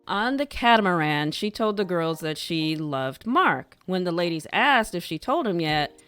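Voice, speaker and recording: A woman's voice: fairly low pitch, animated, unhurried, a bit bright, clean tone, soft background music. Chatty woman recapping reality TV gossip. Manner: chatty, wry, opinionated. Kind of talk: scripted gossip recap narration.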